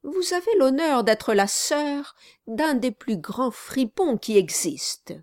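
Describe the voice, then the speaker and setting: Audiobook figure: woman reading a firm, formal male notary, stern and emphatic, high-ish voice. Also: expressive, slow, a little mellow, no room sound, clean studio sound.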